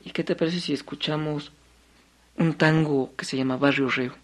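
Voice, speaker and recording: A man's voice: on the high side, fairly even intonation, moderate pace. A man, a music historian on a radio program, telling stories in a conversational way with frequent tag questions. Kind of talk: casual radio chat.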